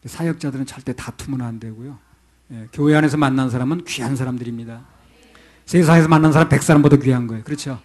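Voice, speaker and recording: A man's voice: medium pitch, fast, a little mellow. A male pastor preaching a sermon to his congregation in a conversational way, often asking them questions.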